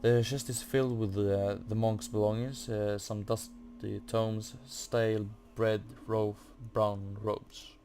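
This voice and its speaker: Reading text off the screen and muttering hesitantly, a man hosts a laid-back game walkthrough for his gaming channel. He speaks slowly with few pauses in a low, mellow, flat voice, and a fan makes faint noise in the background.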